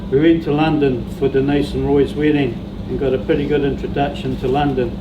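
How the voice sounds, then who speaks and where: A man's voice: medium pitch, brisk, lo-fi sound. Distant man giving a funeral eulogy. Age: older. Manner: steady, lightly humorous reading. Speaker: brother-in-law giving a eulogy. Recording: roomy venue heard from a distance with background noise.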